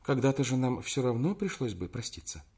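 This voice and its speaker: A man reading an audiobook, voicing a young woman secretary in a soft, lightly raised voice. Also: medium pitch, very animated, a little fast, husky. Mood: cool, teasing. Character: young woman secretary, calm and teasing, then tearful.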